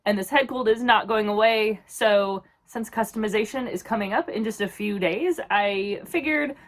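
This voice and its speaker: A woman's voice: mid-range voice, moderate pace. A woman in her thirties from New York, chatting casually about her picks with a nasal, stuffy voice from a head cold. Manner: chatty, rambling with many likes. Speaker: YouTube vlogger. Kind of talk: casual chat.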